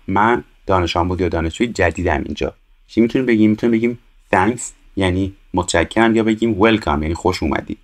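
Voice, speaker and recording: A man teaching English, reading each phrase slowly and clearly and then explaining it quickly. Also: low voice. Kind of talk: explaining exercises step by step.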